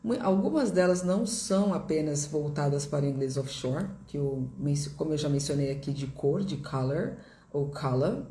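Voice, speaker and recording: Woman teacher, low pitch, mellow tone, patient step-by-step explaining, roomy echo. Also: fairly quick, hardly any pauses, a little hiss or hum. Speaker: English teacher. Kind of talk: live online English lesson.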